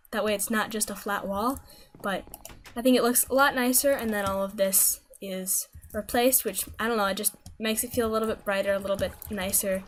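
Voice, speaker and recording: Woman rambling through a game playthrough, mid pitch, bit of hiss behind her. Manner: chatty, rambling, self-correcting. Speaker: gaming video host. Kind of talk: casual gameplay commentary.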